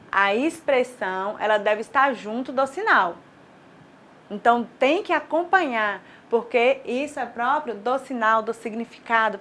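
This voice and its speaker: A woman's voice: fairly high pitch, a bit bright, slight background noise. A woman from Brazil teaching a recorded sign language lecture, explaining step by step and checking understanding with frequent questions to the students. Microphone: studio lecture recording.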